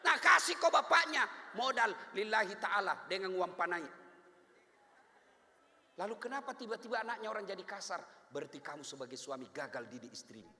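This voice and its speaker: Animated jokey preacher with Makassar accent. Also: male voice, high voice, fairly quick. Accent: Makassar Indonesian. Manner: animated, jokey, acts out voices of husbands and wives. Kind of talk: humorous Islamic sermon. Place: large hall. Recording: echoey hall.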